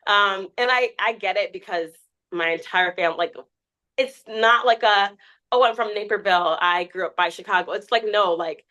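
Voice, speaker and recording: In a casual podcast interview, a TikTok creator in her twenties speaks with medium pitch at a normal pace. She's candid and lively, acting out quoted lines as she tells her stories.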